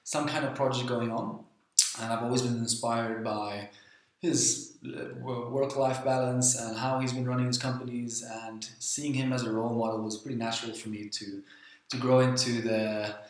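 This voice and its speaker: A young Swedish-born man, a guest on a podcast, talking in a relaxed, friendly way with frequent ums. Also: medium pitch, normal speed. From Sweden. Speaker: guest, founder of a talent accelerator. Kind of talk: casual interview talk. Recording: echoey room.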